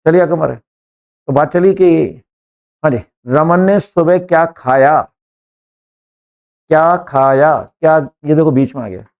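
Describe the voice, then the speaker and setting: A man's voice: on the high side, unhurried, long pauses, darkish tone. A man teaching an English class, joking and quizzing students one by one.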